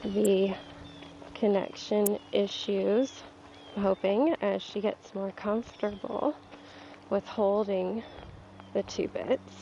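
A dressage rider and trainer getting over a cold talks calmly while riding in an outdoor arena, coaching through her training in a stuffy, creaky, mid-range voice at a slow pace. The recording is dull and lo-fi, with faint outdoor ambience, a horse, and slight background noise.

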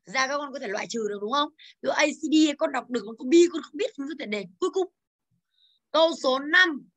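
Calling students by name and drilling their pronunciation, a Vietnamese English teacher in her thirties hurries through classroom exercises. Her voice is high and bright, with lively intonation.

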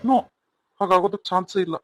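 Man playing bossy cartoon husband, fast-talking and stern. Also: high voice, over music, natural voice. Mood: brooding. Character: young husband, stern and impatient. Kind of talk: cartoon voice acting.

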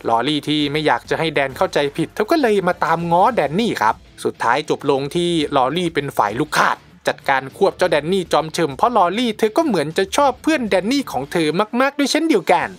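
A man tells a film's plot in a loose, chatty recap, slipping into slang and calling the viewers his friends. His voice sits a little on the high side, with soft music playing faintly underneath. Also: sing-song, fast talker, hardly any pauses. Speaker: movie recap narrator. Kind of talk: casual movie recap narration.

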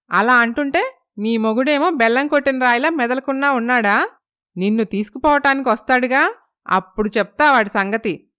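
A woman voicing a quick-tempered village mother who fiercely sides with her daughter, speaking loudly and indignantly. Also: on the high side, clean tone. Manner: loud, indignant.

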